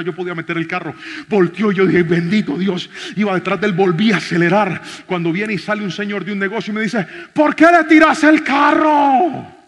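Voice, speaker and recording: A man, a pastor, preaching a sermon and telling a personal story in an animated way, shifting from shouting to soft speech. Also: high-pitched, big-room sound.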